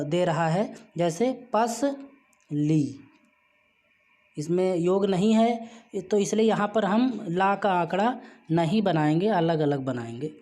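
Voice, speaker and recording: A patient, explanatory teacher talks through rules at a middling pitch, pausing on "uh" between phrases. Example words come out slowly, broken into single syllables, as in a classroom lesson. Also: a little mellow. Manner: patient and explanatory, with frequent "uh" fillers. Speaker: shorthand teacher. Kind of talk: spoken classroom-style lesson.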